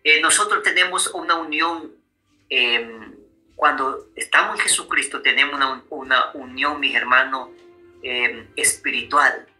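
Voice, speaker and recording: A man delivers a sermon in a strikingly bright, forceful voice at an ordinary pitch for a man. He keeps asking his listeners whether they understand and calls them his brothers. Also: a little slow, faint music behind, low-quality recording. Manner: frequent tag questions to listeners. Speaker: preacher. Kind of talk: sermon on marriage.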